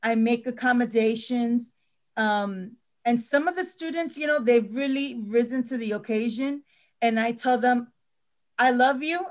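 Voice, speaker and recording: A middle-aged woman teacher talking earnestly in a panel discussion, often repeating words as she stresses a point. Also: fairly high pitch.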